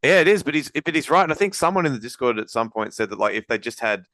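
Aussie bloke rattling off footy analysis super fast, lowish voice, dry close sound. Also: male voice, lively intonation, fairly bright tone, dry recording. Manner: rapid analytical rambling with restarts. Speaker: podcast host. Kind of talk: casual sports chat.

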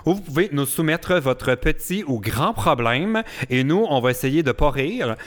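A man with a Quebec French accent hosting a podcast, lively and chatty, laughing often. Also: fairly high pitch, unhurried. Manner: lively, laughs often, jumps into playful imitations. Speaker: podcast host. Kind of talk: casual podcast chat.

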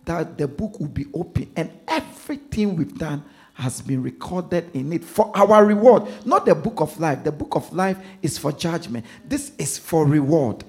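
Ghanaian pastor guy preaching, kinda high voice, goes up and down a lot, repeats stuff, quiet then loud. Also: animated, moderate pace. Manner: preaching with repetition, swinging from hushed asides to loud emphasis. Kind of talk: sermon.

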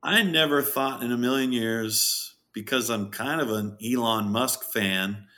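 A middle-aged man, a farm owner, chatting as a podcast guest in a jokey, animated way and acting out quotes. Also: a little slow. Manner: jokey, animated, acts out quotes with big pitch jumps. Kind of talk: casual interview chat.

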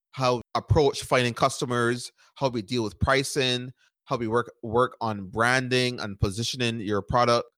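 A startup founder from Barbados, in his thirties, answers interview questions as a podcast guest. He's relaxed, repeats words and leans on fillers. His voice is medium-pitched, with no room sound.

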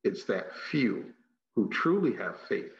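A man's voice: on the low side, very animated, measured pace. A man with a Texas accent giving a motivational leadership training talk in an emphatic, folksy manner, repeating phrases for effect. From Texas, United States. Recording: muffled, echoey room recording.

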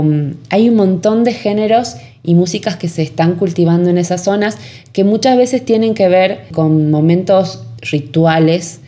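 A musician from Jujuy, speaking with a northern Argentine accent, gives thoughtful answers as an interview guest and often searches for words. Her voice is fairly low with a dark tone.

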